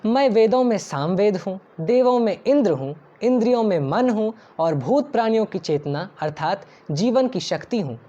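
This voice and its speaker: एक महिला जो धार्मिक श्लोकों को गाकर पढ़ती है और फिर उनका अर्थ शांत, नपे-तुले ढंग से पढ़कर सुनाती है।. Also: female voice, mid-range voice, animated, normal speed, hardly any pauses, warm tone. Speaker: scripture reciter and translator. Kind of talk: chanted verse recitation with read translation. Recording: dull lo-fi recording over faint instrumental music.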